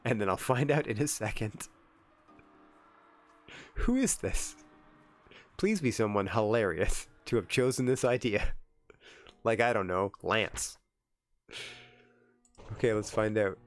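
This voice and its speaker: A man's voice: fairly low pitch, expressive, slow pace, pauses often. A young man streaming a wrestling management game, chatting and giggling to himself as he makes choices. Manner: chatty, giggly, talks to himself while deciding. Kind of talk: casual gameplay commentary.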